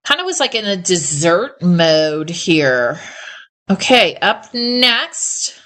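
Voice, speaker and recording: A woman's voice: on the high side, fairly bright tone. A middle-aged woman hosting a live online ornament sale, chatting casually and enthusiastically and often laughing, close to the mic. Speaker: host of a live ornament sales show. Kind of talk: casual live sales chat. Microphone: close mic, live stream.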